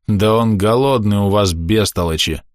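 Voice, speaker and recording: A man's voice: mid-range voice, very animated, moderate pace, dry recording, pitched above the performer's own voice. Man voicing a griping peasant older brother, sarcastic, somewhat raised voice, dry close sound. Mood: grumbling. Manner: grumbling, sarcastic.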